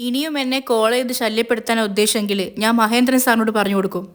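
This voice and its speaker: A woman's voice: a little high, fairly even intonation, fast, close to an everyday voice. A woman voicing a young woman who pleads and argues on the phone in distress. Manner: pleading, upset, defiant.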